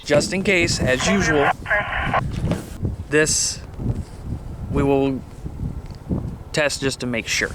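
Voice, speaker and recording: Man, slightly high voice, folksy gear reviewer, casual vlog with clearly noisy sound. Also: slow pace, long pauses. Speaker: radio reviewer. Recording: noisy camera audio.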